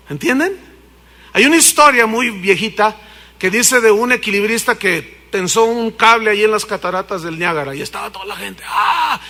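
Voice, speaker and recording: A man with a Mexican accent preaching a sermon, telling stories and questioning his audience. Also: high-pitched. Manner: animated storytelling, questioning the audience. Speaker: pastor. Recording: long hall reverb.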